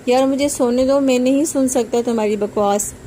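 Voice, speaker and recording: A woman's voice: high-pitched, warm tone, slight background noise, natural voice. A tired young husband, read by a woman. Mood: weary.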